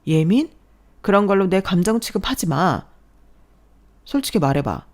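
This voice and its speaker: A woman's voice: medium pitch, big pitch swings, moderate pace, darkish tone, natural voice. A woman voicing a defensive, whiny young husband in a spoken drama story.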